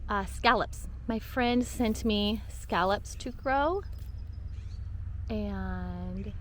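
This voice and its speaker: A woman's voice: medium pitch, drawn-out words, slight background noise. A woman giving a casual walk-and-talk tour of her vegetable garden, chatty and bubbly, laughing at her own slips, recorded outdoors on a camera she carries.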